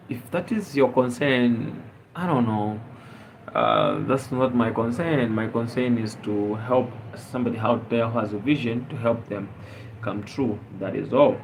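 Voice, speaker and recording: A man's voice: lowish voice, gravelly, slight background noise, poor audio. A man from Zambia hosting a casual live stream, talking earnestly with many fillers and rhetorical questions.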